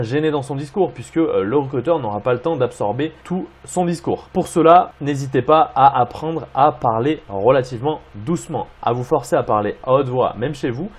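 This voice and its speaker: A man's voice: medium pitch, moderate pace, darkish tone, husky. A man coaching job seekers, explaining tips with frequent fillers. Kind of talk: instructional video talk.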